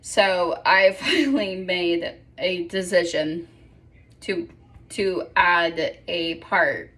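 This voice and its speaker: A woman's voice: on the low side, drawn-out words, a bit bright. A young woman in casual vlog chat at home, rambling and correcting herself with apologetic asides. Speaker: vlogger.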